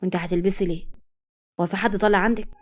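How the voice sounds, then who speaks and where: Woman putting on a jealous husband, cold low menacing voice, Egyptian accent, storybook reading. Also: steady tone, very fast, close to an everyday voice. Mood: puzzled. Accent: Egyptian Arabic.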